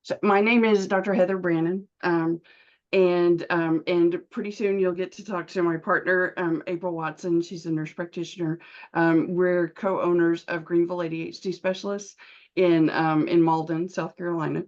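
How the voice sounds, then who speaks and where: A middle-aged woman physician giving a webinar presentation, heard as screen-recorded video call audio, talking in a halting way with many filler sounds and restarts. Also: on the low side, flat delivery, a little mellow, muffled recording.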